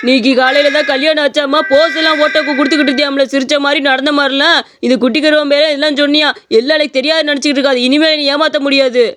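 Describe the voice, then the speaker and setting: This is cartoon voice acting: a man wails dramatically as a hot-headed young man pining for love. His very high voice barely shifts in pitch, racing along with a pushed, bright quality. An audible background hiss runs through the recording.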